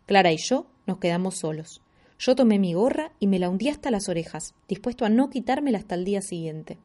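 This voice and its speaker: A woman reading a children's story aloud with expressive, animated narration. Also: mid-range voice, a little fast.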